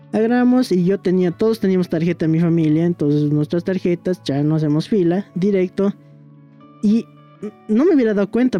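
Young bolivian guy rambling through a story, lots of "no?" and fillers, kinda mellow voice, faint music behind. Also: on the high side. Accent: Bolivian Spanish. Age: young adult. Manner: rambling, many fillers and tag questions, laughs at himself. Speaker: young historian guest. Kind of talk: casual storytelling.

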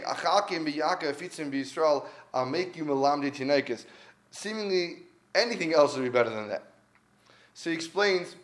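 A man delivers a weekly Torah talk in an earnest, conversational way, weaving stories into his lesson. His voice sits somewhat high for a man, and he drives points home by repeating them. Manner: earnest, conversational, with emphatic repetition. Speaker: Torah teacher.

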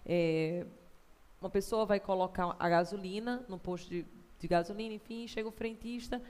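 A woman's voice: medium pitch, fairly even intonation, normal speed, a little mellow, big-room sound. A woman hosting a conversation, affirming her guest and telling short anecdotes. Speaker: host. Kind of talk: conversational interview.

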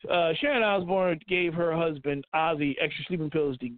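A man's voice: on the high side, moderate pace, no echo. A man hosting a casual, profane commentary on the news, often repeating himself. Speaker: podcast host. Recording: tinny phone-like sound.

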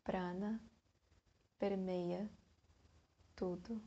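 A Brazilian woman guiding a meditation in a soft, soothing, breathy voice with long pauses, like a calm spa session. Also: mid-range voice, dull audio. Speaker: meditation guide. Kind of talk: guided meditation narration.

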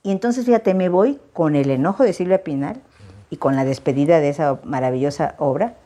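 A woman's voice: deep voice, fairly quick. A middle-aged woman, a guest on a talk show, telling stories animatedly and acting out the people she quotes. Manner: animated, theatrical, acts out quoted voices. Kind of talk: casual talk show chat.

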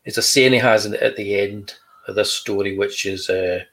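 A man's voice: fairly low pitch, fairly even intonation, moderate pace, fairly bright tone, poor audio. A man, a comic book creator talking casually and showing his artwork, chatty with dry humor.

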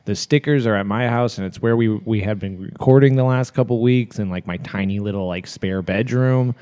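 A man's voice: on the low side, brisk, dark tone. A man co-hosting a podcast in casual, informal chat, recorded in an echoey, bare room. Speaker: podcast co-host. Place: basement studio with wood floors and brick walls. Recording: echoey, unfurnished basement room.

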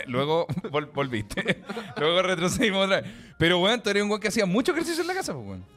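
A man's voice: high-pitched, big pitch swings, a little fast, a bit bright, soft background music. A young man with a Chilean accent, chatting casually as podcast co-host in crude slang, laughing often. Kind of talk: casual chat.

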